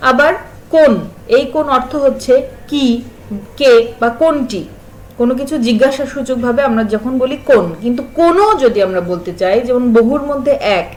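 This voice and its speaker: A woman's voice: high-pitched, rough recording. Woman teacher listing spelling examples. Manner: slow, careful listing of example words; stresses and repeats sounds to show pronunciation. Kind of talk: spelling lesson for school pupils.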